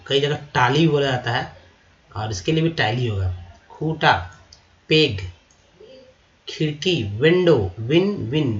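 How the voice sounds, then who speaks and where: A man teaching English vocabulary, spelling out letters and repeating each word slowly. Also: mid-range voice. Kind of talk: vocabulary lesson. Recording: roomy, dull lo-fi sound.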